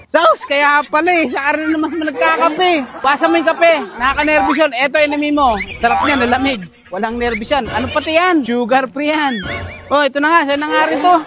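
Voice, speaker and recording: A playful, teasing vlogger pulling street pranks, chatting and suddenly belting out a shouted song. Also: high voice, fairly even intonation, brisk. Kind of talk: street prank vlog, casual teasing chat. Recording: loud music playing under the voice.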